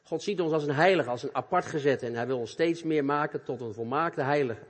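A man preaching a sermon in speech, earnest and animated, addressing young listeners directly. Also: a little high, brisk. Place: church hall. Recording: long reverb of a church hall.

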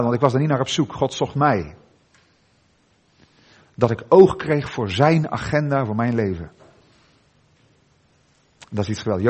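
Husky, lively Dutch-speaking preacher man. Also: fairly high pitch. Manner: earnest preaching with dramatic pauses and softened endings. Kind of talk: sermon. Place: church.

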